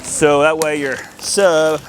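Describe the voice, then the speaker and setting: The voice is a man's, slow and with little pitch movement, and faint music plays behind him. He hosts an installer's video channel and explains a hands-on task informally while outside in a yard. Outdoor noise and ambient rumble also come through.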